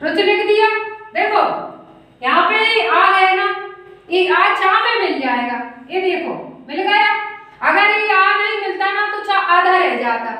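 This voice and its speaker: High-pitched woman teaching in an echoey room. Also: animated, unhurried, pushed and bright, far from the mic. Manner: patient, repetitive drilling, addresses students as children. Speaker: Sanskrit grammar teacher. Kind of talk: classroom-style lesson at a whiteboard.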